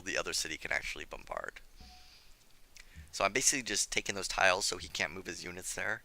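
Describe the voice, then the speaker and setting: A slightly hoarse young man commenting on his strategy game as he plays, chatty and scolding himself for his mistakes. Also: deep voice, sharp tone. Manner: self-critical, chatty, thinking aloud. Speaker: gameplay commentator. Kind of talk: let's play commentary.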